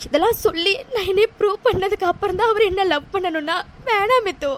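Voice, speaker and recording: A woman's voice: very high voice, fairly quick, slight background noise. A woman voicing a heartbroken young woman in a cartoon drama, crying and breaking off as she repeats her words. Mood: sobbing.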